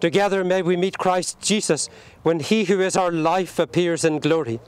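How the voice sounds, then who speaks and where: A man leading a burial service outdoors at a cemetery, reciting the prayers in a solemn, measured way. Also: high-pitched, smooth. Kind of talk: liturgical graveside prayer.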